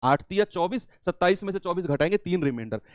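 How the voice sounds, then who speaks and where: A man's voice: sits high, expressive, fast talker, no room sound, clean studio sound. A man teaching a maths lesson, explaining step by step and repeating the key terms, sometimes answering in his students' voice. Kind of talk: classroom maths lecture.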